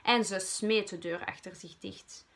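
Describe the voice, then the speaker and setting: A woman's voice: medium pitch, a little slow, a bit bright. A Flemish woman teacher reading a storybook aloud to children.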